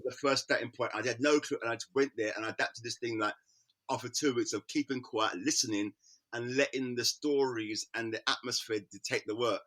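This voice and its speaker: Chatting casually as a guest, a middle-aged London artist from Britain spins lively anecdotes, voicing the people he quotes and laughing along. His voice is mid-range and brisk.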